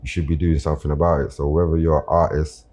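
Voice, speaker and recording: A man's voice: very deep voice, flat delivery, quick pace, a little mellow. A man with a South London roadman accent chatting casually as a guest rapper on a podcast, using plenty of street slang. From Brixton, South London. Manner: street slang with frequent tags like "innit" and "you know what I'm saying".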